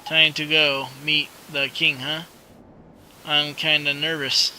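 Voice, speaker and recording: A man's voice: fairly high pitch, level tone, slow, bright, forceful tone, slight background noise, poor audio. A man playing a video game and commenting casually, reading the dialogue aloud, stumbling and correcting himself. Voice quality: stumbling reader, self-correcting, apologetic. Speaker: let's play gamer.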